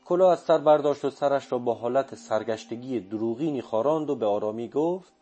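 A man reading a first-person literary audiobook in a measured, even way. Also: mid-range voice, highs cut off, soft background music. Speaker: audiobook narrator.

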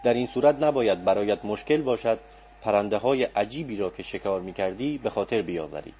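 A man's voice: lowish voice, lively intonation, warm tone, husky. A man voicing a cryptic old teacher. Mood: insistent. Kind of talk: audiobook dialogue. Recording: faint background music.

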